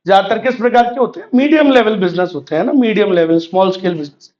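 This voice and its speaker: High-voiced male tutor in an echoey room. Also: quick pace. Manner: asks the class questions and answers them himself; conversational teacher, mixing in memorisation drills. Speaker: commerce exam tutor. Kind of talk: recorded revision lecture. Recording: roomy, slightly dull lecture recording.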